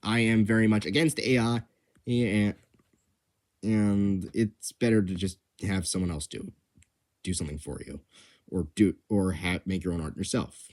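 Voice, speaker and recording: In a lowish, slightly mellow voice with fairly even intonation, a young host takes his time explaining the rules of a creature-design contest in an unscripted way. Though unhurried, he is impulsive and enthusiastic, stammering a lot with many restarts and fillers.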